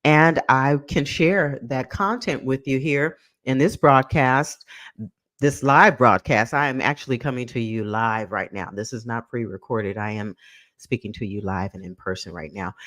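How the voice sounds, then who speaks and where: A man's voice: mid-range voice, a bit bright, dry recording. Man hosting a live news stream on a headset mic. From San Francisco. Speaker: news show host.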